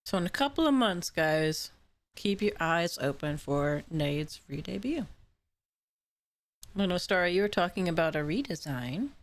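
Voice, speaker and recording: A woman's voice: lowish voice, measured pace. A woman hosting a casual interview stream, asking her guests questions. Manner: lively, asks questions. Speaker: stream host.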